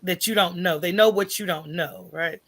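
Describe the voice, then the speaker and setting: A fairly low-pitched, fairly bright American woman's voice comes at a moderate pace. This entrepreneur, interviewed on a podcast, recounts her own story conversationally, candid and informal, often asking "right?" along the way.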